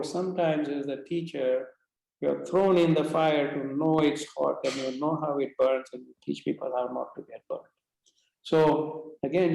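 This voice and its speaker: Male interview guest, measured reflective storyteller, mellow dark tone, very echoey room. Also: on the high side, creaky. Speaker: interview guest, spiritual mentor.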